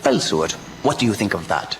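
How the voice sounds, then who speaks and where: A man plays an urgent, grave doctor who hunts vampires in a radio drama. His low, creaky voice swings expressively as he lectures with emphatic rhetorical questions, over faint background noise. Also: wildly swooping pitch, fast talker, exaggerated voice. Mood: insistent, probing.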